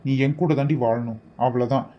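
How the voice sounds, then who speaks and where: A man's voice: mid-range voice, fairly even intonation, a little fast, lo-fi sound, slight background noise, close to an everyday voice. A man voicing an obsessive male kidnapper in a cartoon, who talks in a wheedling, possessive way, scolding and then pleading. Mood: insistent. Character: obsessive male kidnapper pressing a married woman to wed him. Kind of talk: animated cartoon voice acting.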